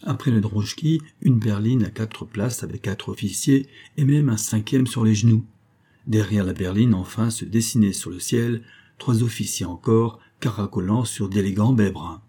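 A man reading a classic story aloud as a narrator, in measured, even storytelling. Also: fairly low pitch, breathy edge. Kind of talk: scripted audiobook narration.

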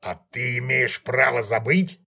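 Brief: male reader playing a vengeful sneering man, drawn-out mocking delivery, husky edge. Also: medium pitch, pushed and bright, full character voice. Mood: menacing. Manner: slow, mocking, threatening. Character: sneering menacing male stranger, vengeful old comrade.

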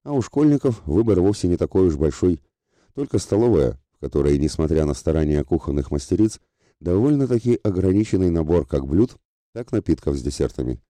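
A man narrating a first-person audiobook in a steady, measured way. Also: low voice, no room sound.

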